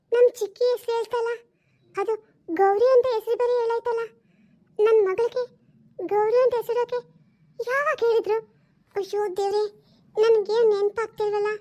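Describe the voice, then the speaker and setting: A woman's voice: extremely high pitch, mellow. A woman voicing a tearful, protective mother who pleads and sobs. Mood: shaken. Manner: pleading and tearful, often sobbing. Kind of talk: home-made family drama.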